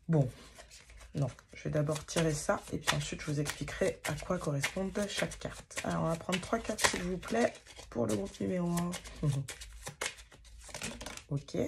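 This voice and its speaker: A woman's voice: low voice, creaky, noisy background. A woman giving a casual tarot card reading to her viewers, talking hesitantly with many fillers and restarts and poking fun at herself.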